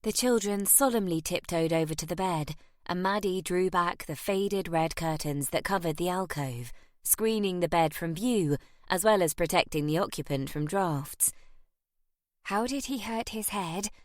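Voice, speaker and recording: A woman narrating a romance audiobook in a measured storytelling manner. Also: lowish voice, no echo, clean studio sound.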